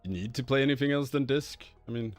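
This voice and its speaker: A man with a Swedish accent hosting a casual gaming stream, chatty and quick to laugh. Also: mid-range voice, soft background music. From Sweden. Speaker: streamer host.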